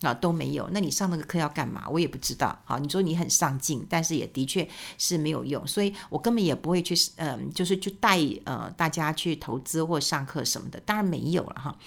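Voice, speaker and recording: A woman's voice: sits low, brisk, gravelly, few pauses. A woman host, talking in a casual, chatty monologue full of little tag particles and fillers. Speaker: podcast host.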